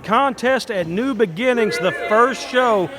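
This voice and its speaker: High-voiced joking wrestling color man. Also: animated, unhurried. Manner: jokey, teasing, fond of outdated references. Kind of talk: live wrestling commentary. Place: commentary desk at an indoor wrestling show in an education center. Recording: loud crowd and heavy background noise.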